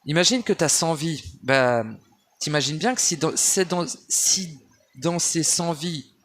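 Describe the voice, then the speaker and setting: This spiritual speaker talks at home, rambling through his thoughts, wandering off track and starting over again and again with plenty of fillers while calling the listener "tu." His voice sits fairly high, moves a little slowly and has a fairly bright tone. A handheld phone or simple microphone captures it.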